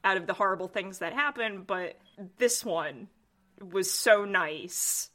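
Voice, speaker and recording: A woman hosting a casual history podcast, chatty and quick to laugh, full of "like" and "dude". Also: medium pitch, sharp tone. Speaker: podcast host.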